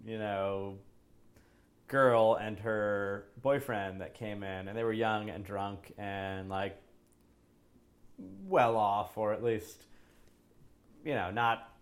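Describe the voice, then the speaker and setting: A man from the United States, a bartender, chatting casually and telling animated stories, putting on the voices of his customers. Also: fairly low pitch, slow, pauses often. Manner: animated storyteller, acts out customers' lines. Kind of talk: casual chat.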